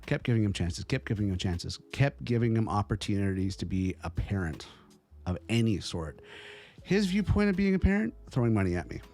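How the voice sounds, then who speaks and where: Gravelly-voiced man ranting on a podcast. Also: on the low side, very animated, fairly quick, darkish tone. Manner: emphatic, repeats lists of phrases. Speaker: podcast host. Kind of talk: opinion monologue.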